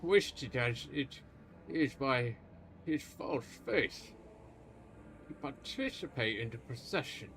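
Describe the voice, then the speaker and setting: A man's voice: medium pitch, expressive, takes it slowly, long pauses, fairly bright tone, faint music behind, poor audio. A man voicing an aging male church pontifex who is stern and secretive, speaking in a formal, haughty, old-fashioned way. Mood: accusing. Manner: formal archaic speech, haughty and accusing.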